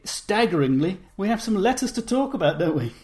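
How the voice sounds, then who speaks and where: A man's voice: high-pitched, big pitch swings, a little fast, darkish tone. A man co-hosting a casual podcast, reading listener letters aloud with dry, jokey asides. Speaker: podcast co-host.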